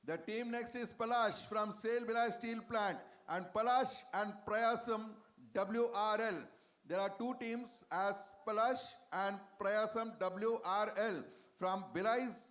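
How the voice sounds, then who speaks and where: Indian man, very high voice, award announcer who trips over names. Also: fairly even intonation, unhurried, fairly bright tone. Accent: Indian English. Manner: plain reading of names, stumbles on hard ones. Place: convention hall stage.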